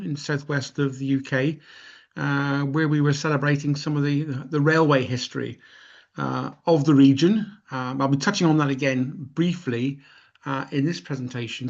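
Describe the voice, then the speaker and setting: Older west country guy giving a chatty online talk, bit rambly and self deprecating, slightly muffled lo-fi audio. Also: a little high. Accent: West Country English. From Plymouth, southwest England. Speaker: guest lecturer, professor. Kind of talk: informal presentation to an online audience.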